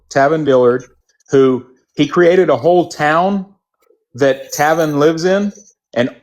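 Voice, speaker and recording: A man from Texas with a mild Texan accent, hosting a casual group chat and telling rambling stories. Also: mid-range voice. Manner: rambling, storytelling with restarts.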